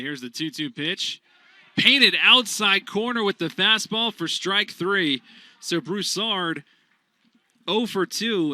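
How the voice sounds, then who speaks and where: A man does radio play-by-play for a college baseball game, keeping steady between pitches and getting loud on big plays.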